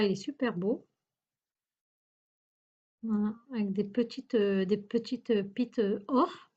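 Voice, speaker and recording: A woman's voice: a little high, warm tone, dull audio. A woman chatting through a shopping haul video, hesitant and searching for words with many fillers. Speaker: YouTuber showing a shopping haul. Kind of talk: casual haul video chat.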